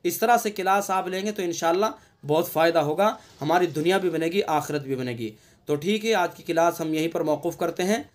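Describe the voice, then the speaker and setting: Male recitation teacher, high voice, patient explainer, drills sounds, slow drawn-out chanting of verses. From India. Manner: repeats sounds as drills to correct mistakes. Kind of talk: online Quran recitation lesson.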